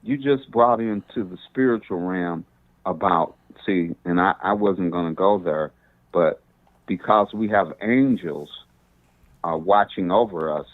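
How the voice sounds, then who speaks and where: A man's voice: low-pitched, unhurried. A man who is a bishop, calling in over a cell phone speakerphone, talking in a rambling, preacherly way and quoting scripture. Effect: speakerphone on a cell phone call. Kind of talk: casual talk over the phone.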